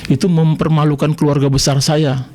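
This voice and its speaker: A middle-aged preacher from Medan with a high voice gives his testimony on radio. He swings between big exclaims and quiet, confiding asides. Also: level tone, a little fast. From Indonesia, Medan. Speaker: pastor guest.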